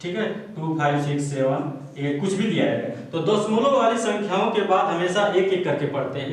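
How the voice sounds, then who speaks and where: A male teacher explaining a math lesson step by step in a classroom, often checking that students are following. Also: sits high. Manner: explains step by step, keeps checking with "theek hai". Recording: echoey room, speaker far from mic.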